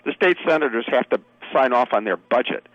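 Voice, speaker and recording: A man guest on a radio show, speaking over the phone in an earnest, halting way with many fillers. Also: medium pitch, lively intonation, no echo, lo-fi sound. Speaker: political candidate guest.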